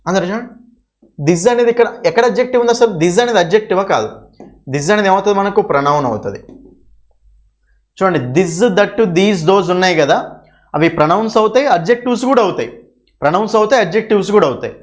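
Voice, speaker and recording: A man leads an exam revision lesson in a high voice. He repeats every point and keeps asking the class whether they follow. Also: expressive, quick pace, long pauses. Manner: repeats points, quizzes the class with frequent checks. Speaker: teacher.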